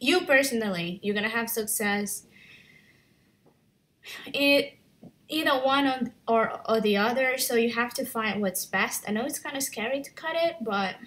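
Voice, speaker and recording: A woman's voice: fairly high pitch, normal speed, fairly bright tone. A woman from Brazil explaining plant cuttings in a casual how-to vlog, chatty and self-correcting as she handles her plants at home. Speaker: plant vlogger. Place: home room with plants and a humidifier.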